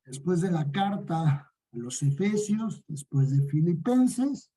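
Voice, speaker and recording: A man's voice: fairly high pitch, big pitch swings, takes it slowly, mellow, husky, poor audio. A man with a Mexican accent teaching a Bible lesson, often asking a question and then answering it himself. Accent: Mexican Spanish. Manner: asks and answers his own questions. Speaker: discipleship teacher.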